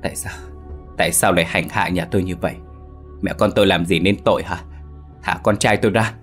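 A man's voice: low-pitched, fairly even intonation, fairly quick, soft background music, close to an everyday voice. A man voicing a distraught mother pleading for her son in a spoken ghost story. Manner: sobbing, pleading.

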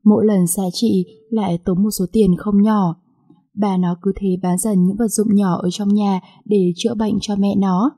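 A woman narrating a sad family story in a steady, emotive reading style. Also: mid-range voice, normal speed, breathy edge.

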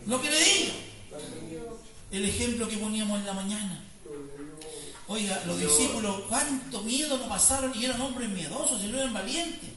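A man with a Chilean accent preaching a fervent sermon as pastor, rising to near-shouts and sing-song praise. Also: high-pitched, animated, normal speed, a crowd in the background. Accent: Chilean Spanish. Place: church hall. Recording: echoey church sound from a distance with congregation.

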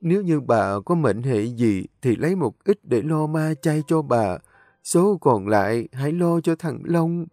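A man voicing a gravely ill old grandmother who speaks slowly and softly, loving and resigned. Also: on the high side, expressive, dry recording, pitched above the performer's own voice. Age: older. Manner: slow, soft, resigned.

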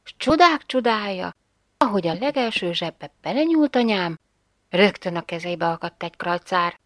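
A woman reading a short story aloud with expressive, measured storytelling. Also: medium pitch, no room sound, studio quality. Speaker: reader.

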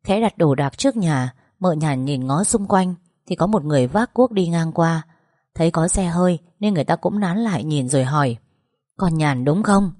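A woman reads a storybook aloud with steady expression. Her voice sits a little low, and the recording is dry and close. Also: normal speed, dry recording. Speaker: narrator. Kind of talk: scripted storybook narration.

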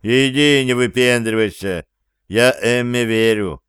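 A firm, commanding team leader, voiced by a male narrator, close to the reader's own voice. The delivery is smooth and slow, recorded dry. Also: medium pitch, fairly bright tone, dry recording, natural voice.

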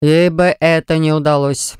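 A reader doing an icy, commanding mage lord. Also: male voice, a little high, level tone, slow, clean tone, no echo, studio quality. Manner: icy, curt, authoritative. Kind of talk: audiobook character voice.

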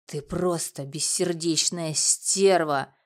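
A woman reading an audiobook, voicing a drunk, violent young ex-husband who shouts and then whines. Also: mid-range voice, lively intonation, slow. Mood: furious. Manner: shouting, whining.

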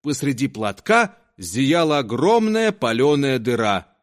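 A man reading a story aloud as narrator, in a lively, acted-out way. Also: mid-range voice, a little slow.

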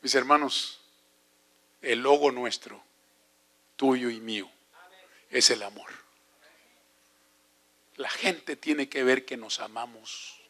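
An older evangelist preaches a sermon, telling stories animatedly and putting rhetorical questions to the congregation. His mid-range voice moves slowly, with long pauses.

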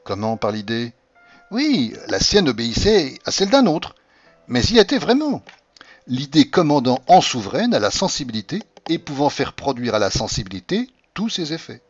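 A man reading the part of an earnest doctor who explains things patiently and convincingly, in a husky voice. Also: fairly high pitch, no room sound, muffled recording.

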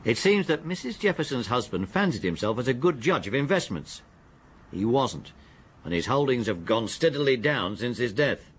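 An English-accented actor plays a methodical, deferential male police detective in a British radio drama. His husky, medium-pitched voice has a sing-song quality. He delivers lines deliberately and factually, sounding confident, matter-of-fact, and deferential.

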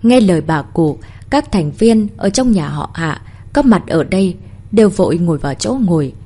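A woman narrating a story in an expressive storytelling manner. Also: lowish voice, normal speed. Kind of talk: story reading.

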